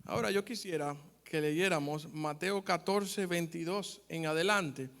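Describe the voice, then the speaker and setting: A man preaching a sermon, addressing the congregation directly with numbered points and rising loud when he reads scripture aloud. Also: a little high, measured pace. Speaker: pastor.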